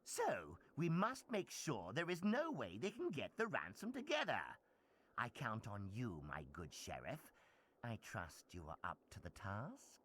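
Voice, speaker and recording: An actor playing a scheming, power-hungry villain prince in a video game, with a pompous, theatrical, mustache-twirling manner. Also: male voice, medium pitch, wildly swooping pitch, measured pace, fairly bright tone, exaggerated voice. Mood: scheming, commanding.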